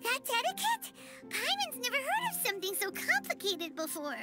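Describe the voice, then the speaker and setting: A woman voicing a tiny, bubbly fairy companion in a game, chattering over loud music. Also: extremely high pitch, huge pitch swings, normal speed, full character voice. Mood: chirpy.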